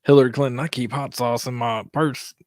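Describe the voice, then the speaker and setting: Dude from kentucky riffing on politics, loose and animated, dry close sound. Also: male voice, medium pitch, fairly quick, dry recording. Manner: animated, conversational, frequent fillers. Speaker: co-host guest. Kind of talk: casual political chat.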